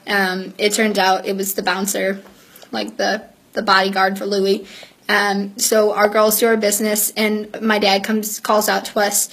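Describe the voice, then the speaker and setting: A woman's voice: medium pitch, completely flat delivery, measured pace, fairly bright tone, low-quality recording. A woman telling a concert story in a chatty, rambling way with lots of fillers. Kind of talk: casual storytelling.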